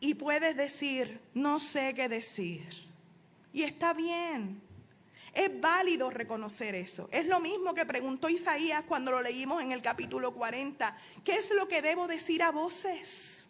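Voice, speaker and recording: High-voiced woman preaching. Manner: preaching with emphatic rises and soft asides. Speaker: pastor. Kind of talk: sermon.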